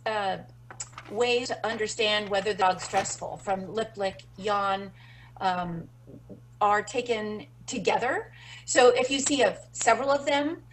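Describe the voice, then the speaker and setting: A woman's voice: on the high side, a bit bright, poor audio. A woman teaching a dog handling webinar in a loose, explanatory way with frequent ums. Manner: explanatory, many fillers. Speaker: dog training instructor. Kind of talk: webinar lesson.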